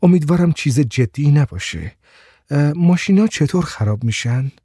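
A man voicing a gentle, shy blind woman who speaks softly and hesitantly, stammering at times. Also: fairly high pitch, lively intonation, breathy edge, no echo, studio quality. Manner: soft, hesitant, stammers when upset.

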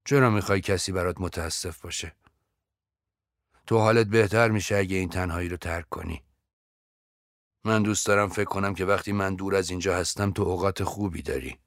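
Guy reading a lonely young woman in love, soft and wistful, really deep dry voice. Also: steady tone, no echo.

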